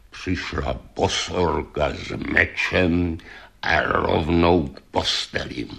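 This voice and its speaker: A man reading a fairy tale aloud as storyteller, with lively, shifting delivery. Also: fairly low pitch, vocal fry.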